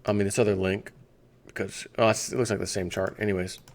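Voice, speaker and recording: Reading an article aloud for a financial news video, this male host keeps it conversational, stopping for spontaneous asides and rhetorical questions. His voice is lowish and level, with a quick pace and vocal fry.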